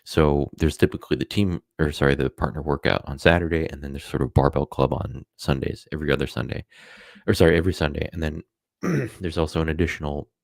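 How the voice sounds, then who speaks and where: A man's voice: very deep voice, fast, gravelly, no room sound, clean studio sound. A man talking casually on a live stream, rambling with many fillers and self-corrections.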